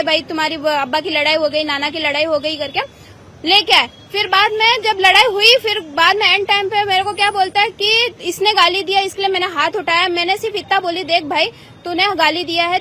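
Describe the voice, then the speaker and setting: A woman eyewitness recounting a street fight to a reporter, quick and insistent. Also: extremely high pitch, steady tone, pushed and bright. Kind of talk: street interview, recounting an incident. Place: outdoors on a city street.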